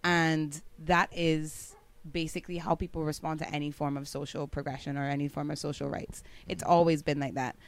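A woman from Barbados with a Barbadian accent, a podcast guest explaining at length in casual conversation, often laughing and getting animated. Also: low voice, brisk.

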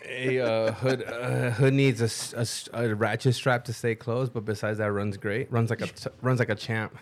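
A man's voice: medium pitch, level tone, normal speed. A young man bantering on a casual podcast like a frat bro, slangy, profane and emphatic, often repeating himself. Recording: clear background noise, clicks.

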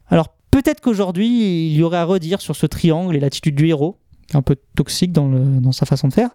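A man's voice: on the high side, mellow, clean tone, no room sound, clean studio sound. A man co-hosting a casual podcast, talking sentimentally with many hesitations and restarts. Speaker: podcast co-host. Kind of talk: casual chat and personal segment.

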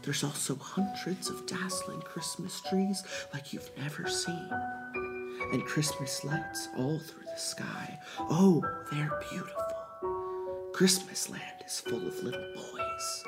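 A storyteller voicing a low, inviting male creature that speaks to a child from up a chimney, sounding distant and hushed. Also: takes it slowly, vocal fry, loud music behind the voice. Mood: coaxing. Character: coaxing male hand voice calling down from a chimney. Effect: distant voice echoing down a chimney. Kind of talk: storytelling reading.

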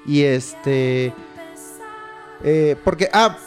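A man's voice: on the high side, very slow, soft background music. A man with a Mexican accent co-hosting a podcast, chatting casually and slangily, dropping "güey" all the time. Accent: Mexican Spanish. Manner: slangy, laid-back, says "güey" constantly. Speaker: podcast co-host. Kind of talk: casual chat.

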